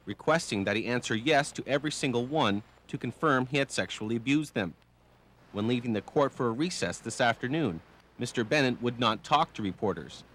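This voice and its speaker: A man's voice: mid-range voice, fairly bright tone. A man reading a scripted television news report as a reporter.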